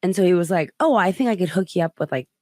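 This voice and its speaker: A woman's voice: lowish voice, expressive, fast, a little mellow, dry recording, studio quality. A woman comedian hosting a podcast, telling a rambling story in casual chat, full of fillers and acted-out quotes. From United States.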